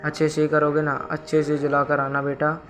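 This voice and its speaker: A woman's voice: sits low, monotone, moderate pace, faint music behind, natural voice. A man voicing a sly old village woman who fakes mourning and coaxes with motherly words. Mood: coaxing. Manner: wailing, motherly coaxing.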